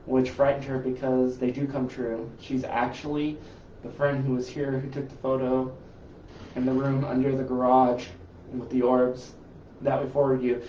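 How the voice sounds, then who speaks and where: Guy hosting a paranormal live show, rambly animated storyteller, kinda far from the mic, echoey room. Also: mid-range voice, normal speed, a little hiss or hum. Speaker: paranormal investigation group host. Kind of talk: casual live-stream chat. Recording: roomy, distant, slightly dull live-stream audio.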